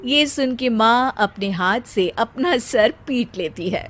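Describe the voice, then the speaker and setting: A woman narrates a scripted story in a high, bright voice. She takes her time over the telling, at a slow pace. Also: lively intonation, faint music behind.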